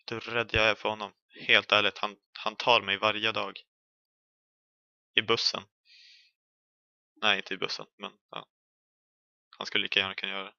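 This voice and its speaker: A man's voice: fairly low pitch, flat delivery, creaky, pauses often, sharp tone, no echo, highs cut off. A young man with a Swedish accent giving chatty, jokey commentary while playing a horror game, yelping when chased. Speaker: gaming streamer.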